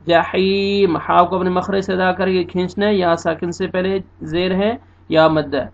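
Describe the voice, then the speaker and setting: A man teaching Quran recitation rules. He spells out letters and vowel marks one by one, patiently corrects mistakes, and recites words in a drawn-out way. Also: sits high, little pitch movement, creaky, muffled recording. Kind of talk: tajweed lesson.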